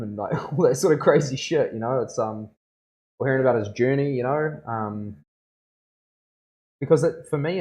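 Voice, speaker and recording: A man's voice: medium pitch, a little mellow, poor audio. A man with a broad New Zealand accent chats casually on a livestream as a tattoo artist, in laid-back, slangy speech that often checks for agreement.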